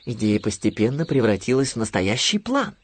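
A man narrating a children's audiobook in a lively, expressive storytelling manner. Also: medium pitch, fairly quick, slight background noise.

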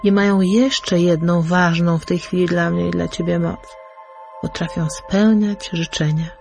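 A woman voicing a gentle magical golden fish speaking in a soft, fading voice. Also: fairly low pitch, fairly even intonation, measured pace, gravelly, faint music behind.

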